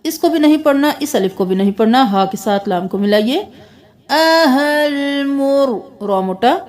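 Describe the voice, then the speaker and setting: A woman teaching Quran recitation word by word, drawing each word out slowly and melodically, then explaining the pronunciation rules. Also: mid-range voice, expressive, a little mellow. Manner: slow drawn-out melodic recitation between brisk spoken explanations. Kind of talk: word-by-word tajweed lesson.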